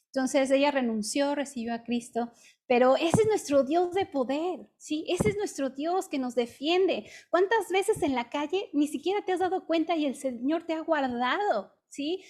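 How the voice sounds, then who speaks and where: A woman with a Mexican accent preaching to a women's group in a conversational way, often checking in with her listeners. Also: high voice. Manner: conversational, with frequent "¿sí?" check-ins and "este" fillers. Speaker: women's ministry speaker. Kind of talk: devotional preaching.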